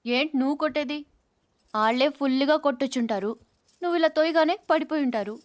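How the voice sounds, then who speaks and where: An actress playing a spoilt, quarrelsome young woman who taunts and complains loudly in a film comedy scene. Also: high-pitched, quick pace, natural voice. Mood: teasing. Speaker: film character.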